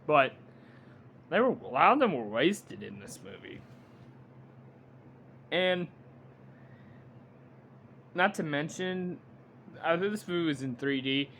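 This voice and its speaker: A man giving an unscripted movie review rant, halting and blunt, with frequent restarts. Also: fairly high pitch, fairly bright tone, a little hiss or hum.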